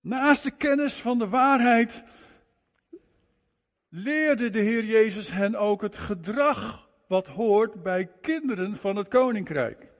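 Man preaching, slow deliberate delivery, emphatic repetitions, long hall reverb. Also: high-pitched. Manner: emphatic, repeats words and phrases for stress. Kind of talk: sermon.

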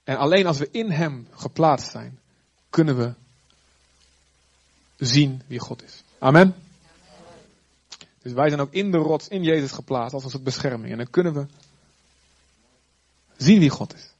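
A man preaching a sermon in a lively, conversational way with chatty asides. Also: mid-range voice, measured pace, pauses often, muffled recording. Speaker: pastor.

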